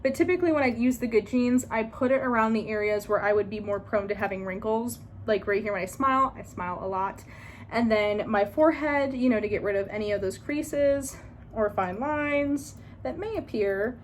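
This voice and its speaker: A woman's voice: on the high side, normal speed, slight background noise. A woman in her twenties, chatting casually through a skincare tutorial, rambling a little with fillers and small laughs. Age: 20s. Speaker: beauty vlogger.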